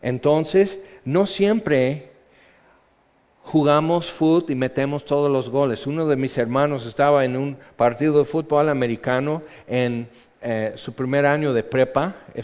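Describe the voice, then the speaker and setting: A middle-aged man preaching a sermon, telling stories with lively acted-out voices. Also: normal speed. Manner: animated storytelling, acts out voices with big jumps in pitch and loudness. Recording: muffled sound in a long-echo hall.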